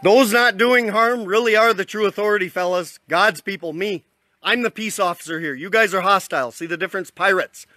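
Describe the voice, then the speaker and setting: A man's voice: high voice, a little fast, pushed and bright, no room sound. A man in a standoff with police, arguing defiantly, interrupting and repeating himself on a phone live stream. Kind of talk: heated argument, live-streamed.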